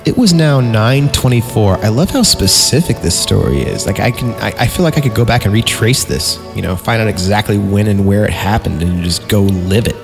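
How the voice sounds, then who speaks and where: Reading a spooky tale tongue-in-cheek, this male podcast host speaks a little fast with few pauses, his lowish voice creaky and lively in intonation. He's sarcastic and casual, dropping the dramatic narration for giggly asides, all drenched in reverb with music underneath.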